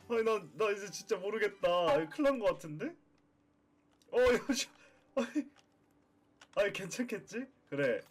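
A high-pitched male streamer with a very lively, bouncing voice. He chats playfully with his viewers while he plays and often breaks into excited cheers. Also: breathy edge. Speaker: VTuber game streamer. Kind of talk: live game stream chat.

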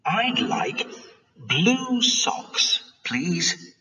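A man reading a scripted language-course drill in a deliberate, exaggerated way for children. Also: sits high, big pitch swings, sharp tone, exaggerated voice. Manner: very clear, deliberate, exaggerated intonation. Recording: reverberant playback of course audio.

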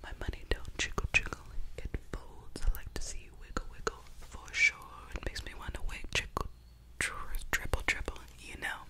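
A woman in a whispered role-play, whispering very close to the mic with wet mouth sounds, repeating trigger words slowly and playfully. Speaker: ASMR creator. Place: small living room, indoors. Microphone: desktop condenser microphone, very close.

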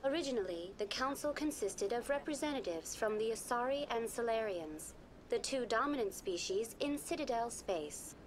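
A woman voicing a calm, polite female virtual guide program with a smooth synthetic android-like voice and an even, courteous delivery. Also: fairly high pitch, normal speed, slight background noise. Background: game music.

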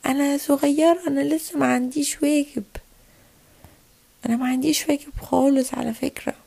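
A woman's voice: high voice, steady tone, fairly quick, gravelly, mellow. A woman with an Egyptian accent voicing a whiny, easily scared little girl in a toy play video. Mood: chirpy. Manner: whiny, pleading.

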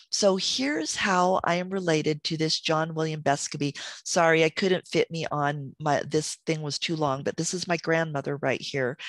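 A woman's voice: low-pitched, dry recording. A woman teaching a beginner family history class, enthusiastic and friendly, her voice worn from talking. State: losing her voice.

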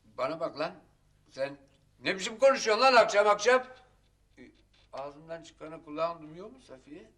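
An actor playing a gruff, blunt father who has been drinking. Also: a little high, measured pace, a bit bright, a little hiss or hum. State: drunk. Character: Zekeriya, gruff drunk father. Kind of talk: TV comedy-drama acting.

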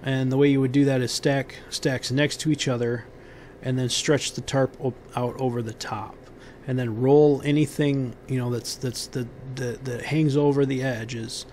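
A man giving unscripted how-to instructions on a building site outdoors, pausing often with ums and restarting his sentences. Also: medium pitch, a little mellow, slight background noise. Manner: halting, many ums and restarts.

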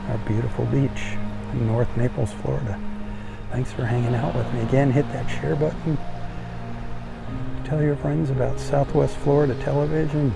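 A man with a gravelly, middle-pitched voice gives calm, admiring running commentary as he walks a beach at sunrise. He films on a phone outdoors, and loud music plays under his voice. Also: low-quality recording. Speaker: host. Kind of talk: casual beach walk vlog.

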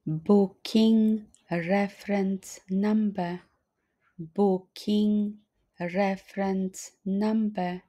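A woman teaching vocabulary in a slow flashcard-style lesson, saying each phrase twice with deliberate care. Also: mid-range voice, mellow. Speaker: language teacher.

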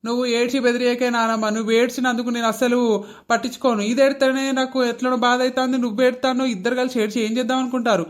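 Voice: mid-range voice, level tone, racing, close to an everyday voice. A performer voicing a hot-tempered young grandson with a Telangana accent who scolds bluntly in a cartoon comedy. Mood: scolding. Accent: Telangana Telugu.

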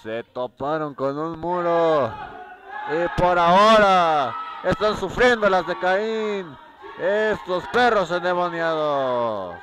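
A man's voice: high-pitched, slow. A man giving live lucha libre commentary, repeating words for emphasis. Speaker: wrestling co-commentator.

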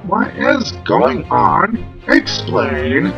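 A cold robot killing machine voiced by a man glitches and breaks down, barking gravelly commands at a slow, deliberate pace. Music plays behind it throughout. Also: high-pitched, wildly swooping pitch, lo-fi sound, exaggerated voice. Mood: glitching. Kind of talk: fan audio drama acting.

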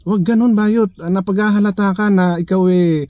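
A man's voice: high voice, steady tone, fairly quick, warm tone, dry recording, clean studio sound. A man giving sarcastic, needling reaction commentary in his vlog, full of rhetorical questions. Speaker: vlogger.

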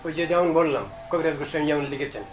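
High-voiced man preaching emphatically. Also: fast, faint music behind, poor audio. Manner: rhetorical, emphatic questioning. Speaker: Vaishnava preacher. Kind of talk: devotional discourse.

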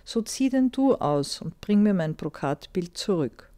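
A frail old mother from a fairy tale, growing weaker day by day and begging her son for help, as a woman reads her. The voice is weary, soft and dark. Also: medium pitch, very animated, unhurried. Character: weak, ailing old mother of three sons.

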